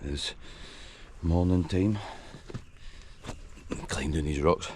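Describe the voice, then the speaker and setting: A man's voice: very deep voice, slow, darkish tone, slight background noise. A Scottish man in a casual outdoor vlog, chatty and laid-back, tired after a hard hike, talking by a campfire. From Scotland. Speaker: outdoor vlogger. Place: outdoors by a campfire on a wooded shore.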